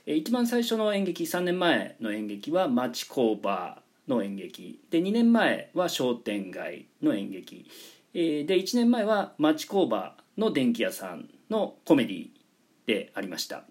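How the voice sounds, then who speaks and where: A man with a slightly high, breathy voice and wildly swooping pitch speaks a little slowly as he presents a project announcement. As presenter and organiser of a radio drama project, he explains politely and stresses key words.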